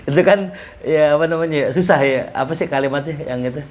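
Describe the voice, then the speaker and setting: Relaxed male teacher, jokey. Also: fairly high pitch, fast talker. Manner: relaxed, jokey, asks students questions, reads Arabic then explains. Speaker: ustadz teaching Arabic rhetoric. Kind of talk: casual classroom lecture.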